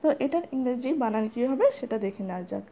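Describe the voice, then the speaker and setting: A woman teaching a spelling lesson, spelling out letters one by one in a slow, methodical way. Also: a little high, lively intonation, mellow.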